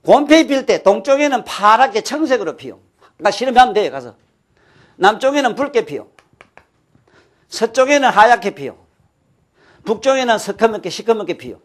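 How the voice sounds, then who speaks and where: High-voiced older Gyeongsang man lecturing. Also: big pitch swings, brisk, long pauses. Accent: Gyeongsang Korean. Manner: folksy, keeps checking with listeners, asks rhetorical questions. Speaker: folk-culture lecturer. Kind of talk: lecture to an audience.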